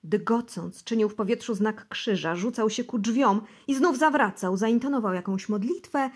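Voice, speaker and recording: A woman reads a novel aloud in a steady, measured narration. Her voice sits in the middle of the range, and she tells the story plainly. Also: mid-range voice. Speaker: audiobook narrator. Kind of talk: audiobook narration.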